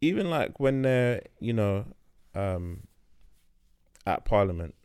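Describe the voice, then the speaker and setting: A man's voice: fairly low pitch, sing-song, slow pace, a little mellow, clear, resonant tone, no room sound, clean studio sound. A man with a London roadman accent and slangy speech, chatting casually as a podcast co-host. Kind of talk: casual chat. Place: studio.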